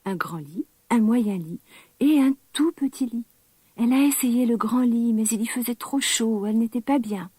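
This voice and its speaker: A woman reads a children's fairy tale aloud in a gentle, expressive manner, slowing down on key words. Her voice is a little high and breathy. The sound is close and dry. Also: dry recording. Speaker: storyteller. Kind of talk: children's story narration.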